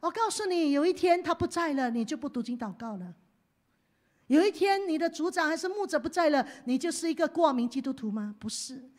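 High-voiced woman pastor preaching. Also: animated, brisk. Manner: leads the congregation in call-and-response, swings from hushed to loud. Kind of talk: sermon.

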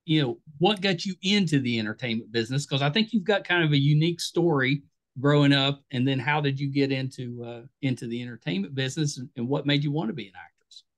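A man's voice: mid-range voice, fast. A middle-aged man hosting a podcast interview over a video call, asking questions in a friendly, easygoing way with filler words. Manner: friendly, easygoing, with filler "you know" and restarts. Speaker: podcast host. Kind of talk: casual interview chat.

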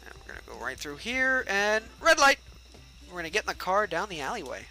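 Lively joking man streaming a game. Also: high voice, fast, low-quality recording. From United States. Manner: joking, chatty, talks to the game characters. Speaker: gameplay livestreamer. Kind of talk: casual let's-play commentary.

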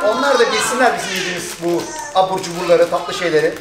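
Excited fast-talking Thracian Turkish man. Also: high-pitched, reverberant, crowd noise. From Turkey. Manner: excited, chatty, laughing often. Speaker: vlog host. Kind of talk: casual vlog chat.

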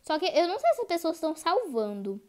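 A woman's voice: very high-pitched, big pitch swings, quick pace, a little mellow. A woman giving live gameplay commentary as a YouTuber, jumpy and easily frightened, shrieking at scares and constantly talking to her viewers. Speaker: gaming YouTuber.

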